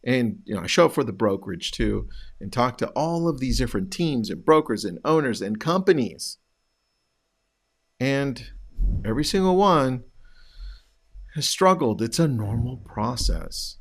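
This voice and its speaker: Gravelly, animated male real estate coach. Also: mid-range voice, a little slow, long pauses. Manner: direct, coaching, rhetorical questions. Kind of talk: motivational talk to camera.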